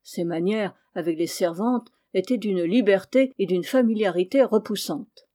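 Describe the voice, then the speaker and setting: A woman's voice: mid-range voice, normal speed, warm tone, lightly acted. Woman reading an anxious middle-aged landlady. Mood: earnest. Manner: agitated, pleading and earnest.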